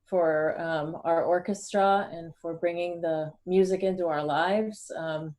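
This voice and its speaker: A woman hosting an interview over a video call, speaking hesitantly with frequent pauses and thanks. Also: lowish voice, steady tone, darkish tone. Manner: hesitant, rambling, appreciative. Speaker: interview host.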